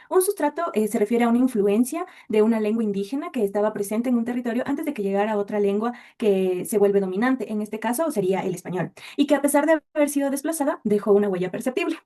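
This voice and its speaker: A woman's voice: mid-range voice, dark tone. A woman giving a class presentation, explaining with frequent hesitation fillers. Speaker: student presenter.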